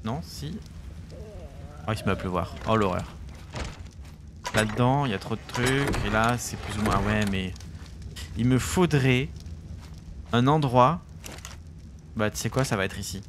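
A man's voice: fairly low pitch, a little slow, pauses often, noisy background. A man giving casual, enthusiastic commentary while playing a survival game, chatting to his viewers and to his tame creature. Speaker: gaming YouTuber.

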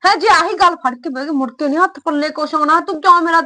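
A woman's voice: sits high, quick pace, pushed and bright. A woman with a Punjabi accent acting a scheming wife in a village drama, nagging and persistent.

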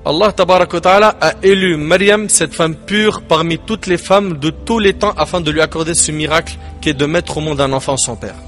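A male preacher giving a sermon in French, emphatic, with rises and dramatic drops and pauses. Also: fairly high pitch, a bit bright, soft background music. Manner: emphatic, rising and falling delivery with dramatic pauses.

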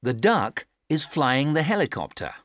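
A woman's voice: sits low, very animated, unhurried, no room sound, clean studio sound. A woman acting a patient adult giving simple instructions in careful, stilted textbook dialogue. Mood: patient, instructive. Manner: careful, over-clear instructing.

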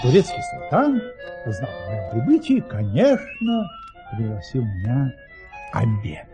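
Lively, courtly Baron Munchausen. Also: male voice, medium pitch, measured pace, music in the background. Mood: storytelling. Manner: courtly, florid, theatrical. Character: suave, boastful gentleman baron, obliging storyteller adventurer. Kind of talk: audio play storytelling.

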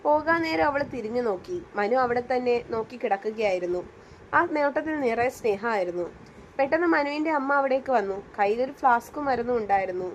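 A woman's voice: on the high side, expressive, fairly quick, slight background noise. A woman reading a serialized romance story aloud as a scripted narration.

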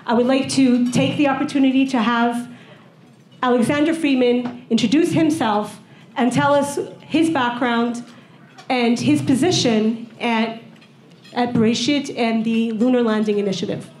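A young woman interviewer speaking formally and clearly on stage through a handheld mic. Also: a little high, steady tone, a little slow, a little mellow, a little hiss or hum. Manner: formal and articulate. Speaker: interviewer and program director. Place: event hall with audience. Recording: echoey hall, faint room ambience.

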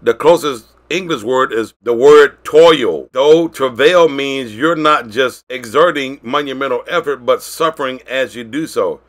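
A man preaches to his congregation in a bright, forceful tone. He pushes some lines out loud and lets others fall quiet and drawn out. His pitch sits in the middle range for a man. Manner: preaching, swinging between loud declarations and quiet drawn-out phrases. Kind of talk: sermon.

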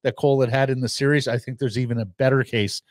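A middle-aged man talks through the game at an even, mid-range pitch, laying out minutes and plus-minus numbers one by one. The sound is dry and close, with barely any room on it, and comes from a boom mic in a small home studio. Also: no room sound. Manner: measured, analytical, lists stats. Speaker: podcast co-host. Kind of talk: casual sports analysis. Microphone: studio mic on boom arm with headphones.

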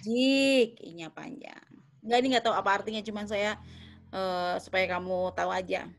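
A woman's voice: medium pitch, moderate pace. A young woman teaching a class. She explains patiently, corrects herself aloud and keeps asking whether the students understand. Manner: patient, checks understanding often; thinks aloud with fillers and self-corrections. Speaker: English teacher.

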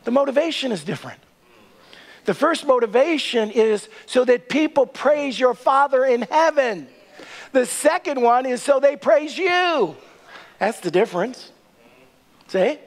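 A man's voice: extremely high pitch, lively intonation, unhurried. A middle-aged male pastor preaching a sermon in a large church sanctuary, emphatic and asking the crowd rhetorical questions, often tagging lines with "right?".

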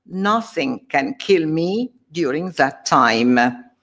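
A proud, scornful sorcerer who talks down to his enemies, read out by a woman teacher. His lines come slowly, with pitch that climbs and falls. Each sneering word is stressed. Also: lively intonation, a bit bright, heavily acted.

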